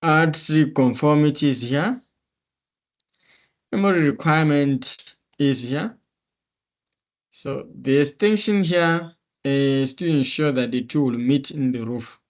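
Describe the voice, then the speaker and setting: A man's voice: fairly high pitch, slow, pauses often. A male instructor on a video call, walking through a screen-share tutorial step by step in a methodical way. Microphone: computer mic on a meeting call.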